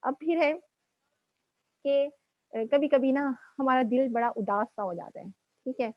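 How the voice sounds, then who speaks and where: A woman's voice: high-pitched, dry recording, muffled recording. A woman motivational speaker lecturing young women in a conversational way, often checking in with "okay" and mixing in English words. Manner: conversational, repeats "ٹھیک ہے" and mixes in English words.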